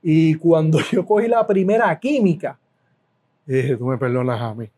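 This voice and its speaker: A middle-aged Puerto Rican man speaks as an interview guest, a little high in pitch but soft and mellow in tone. He tells stories with animation, stacking repeated words for emphasis and laughing now and then. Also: expressive, moderate pace. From Puerto Rico. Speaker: guest, food business owner. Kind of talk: casual interview storytelling.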